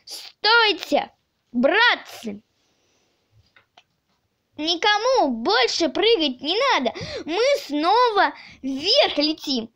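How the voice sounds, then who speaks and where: A woman voicing a boastful, stubborn little boy who shouts indignantly in a storybook reading. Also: sits high, very animated, slow, no room sound, exaggerated voice. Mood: alarmed.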